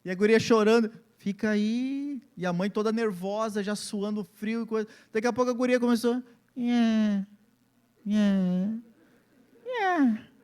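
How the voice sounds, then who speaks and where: A man's voice: high-pitched, level tone, quick pace, few pauses, clear, resonant tone. A man, preaching a sermon as pastor and acting out family scenes in different voices.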